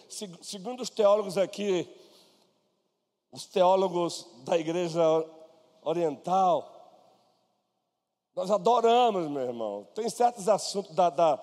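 Brazilian pastor preaching in a reverberant church. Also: male voice, high voice, animated, unhurried, mellow. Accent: Brazilian Portuguese. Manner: conversational preaching, addresses listeners by name. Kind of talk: sermon with personal stories. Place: church hall. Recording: long hall reverb.

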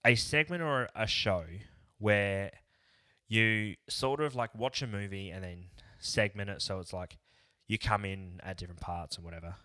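Low-voiced man, rambling and jokey. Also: moderate pace, sharp tone, no room sound, studio quality. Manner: rambling, jokey, tries silly accents. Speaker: podcast co-host. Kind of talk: casual chat.

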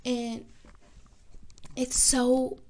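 A young woman hosting a podcast, crying while she speaks in an emotional, halting and self-deprecating confessional monologue. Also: sits high, monotone, warm tone. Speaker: podcast host.

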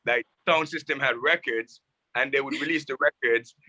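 Bright-voiced animated man. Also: medium pitch, normal speed, low-quality recording. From Jamaica. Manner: animated storytelling. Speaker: music producer. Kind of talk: casual conversation. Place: rehearsal building.

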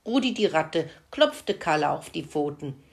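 A woman reading a children's farmyard story aloud in a gentle, expressive way. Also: deep voice, a little slow, gravelly.

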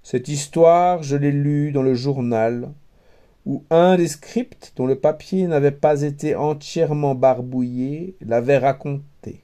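A man reading a fairy tale aloud, measured and gently wry. His voice is mellow and dark-toned, a little high for a man, and he takes his time. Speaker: narrator. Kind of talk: storybook reading.

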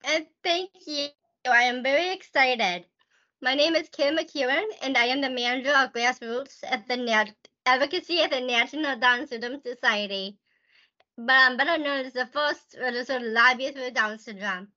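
A woman with a high, bright voice answers podcast questions earnestly, often restarting her phrases. The sound is dull and lo-fi. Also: moderate pace. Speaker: guest, advocacy lobbyist.

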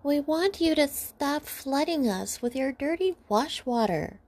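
A plucky young shepherd from a storybook, determined and bright, as a woman puts the voice on. The voice jumps well above her usual pitch and comes out slow and eager. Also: lively intonation. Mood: earnest.

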